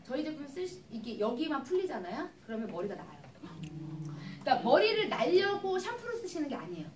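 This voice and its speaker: A woman's voice: high-pitched, sing-song, a little fast, background noise. A woman presenting and demonstrating skincare to an audience in a hall, chatty and acting out customer exchanges as she tells stories. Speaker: cosmetics business presenter. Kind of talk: live seminar demonstration and storytelling. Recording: echoey hall recorded from far off.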